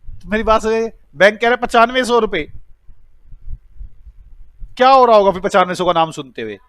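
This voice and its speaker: ऊँची आवाज़ वाला जोशीला पुरुष शिक्षक. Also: male voice, sits high, racing, clean tone, no echo. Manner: animated, acts out the characters' lines in a raised voice. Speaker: accountancy teacher. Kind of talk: lively classroom storytelling lecture.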